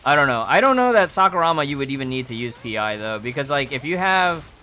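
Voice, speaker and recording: Animated, bright-voiced male game streamer. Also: medium pitch, fast talker, clean tone. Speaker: game livestreamer. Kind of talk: casual gameplay commentary.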